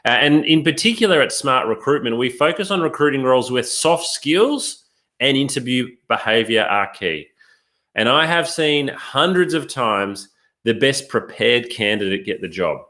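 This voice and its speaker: A man's voice: medium pitch, expressive, moderate pace, bright, forceful tone. Upbeat man presenting a live workshop. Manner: upbeat, emphatic, addresses viewers directly with rhetorical questions. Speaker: career coach.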